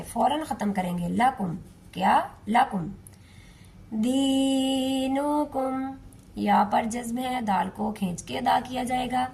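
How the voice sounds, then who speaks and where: Woman, tajweed teacher, slow drawn-out recitation, patient repetition. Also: on the high side, creaky, darkish tone. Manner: patient, repeats words, stretches recited syllables. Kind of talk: slow step-by-step recitation lesson.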